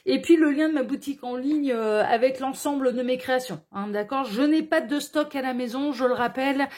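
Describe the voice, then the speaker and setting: A woman's voice: high voice, a little fast, darkish tone. A woman hosting a casual tarot reading to camera, chatty and full of hesitant fillers and tag questions. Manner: chatty, sprinkles "hein, d'accord" tag questions. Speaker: tarot card reader and channel host.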